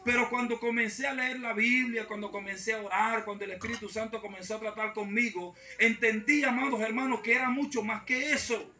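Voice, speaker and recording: A pastor preaches a sermon in church, calling out again and again to the congregation, heard from far off in an echoey hall. His high voice is bright and forceful, steady in tone and fairly quick with hardly any pauses, and there is a little hiss or hum.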